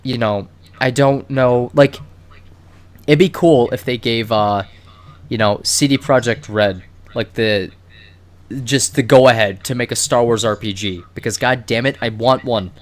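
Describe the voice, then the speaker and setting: A man's voice: medium pitch, measured pace. A man hosting a casual podcast, rambling enthusiastically and swearing casually, recorded over a voice call. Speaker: podcast host. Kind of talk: casual chat. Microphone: computer mic on a voice call.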